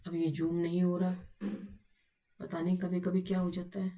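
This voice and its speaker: A woman's voice: fairly low pitch, level tone, normal speed, dark tone, distant mic, slight background noise. Woman teacher quizzing students with rhetorical questions. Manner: quizzes listeners with rhetorical questions, answers herself; often says "bhai" to students. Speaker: online exam coaching teacher. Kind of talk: recorded online lecture.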